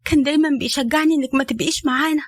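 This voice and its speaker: A woman's voice: sits high, racing, no echo, lightly acted. A woman voicing an ashamed nineteen-year-old girl with an Egyptian accent, speaking hesitantly. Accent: Egyptian Arabic.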